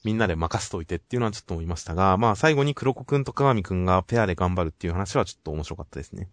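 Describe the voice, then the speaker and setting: Low-voiced man calmly recapping manga. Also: dry recording. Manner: measured, polite, summarizing plot. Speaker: podcast co-host reviewing manga. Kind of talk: casual chat.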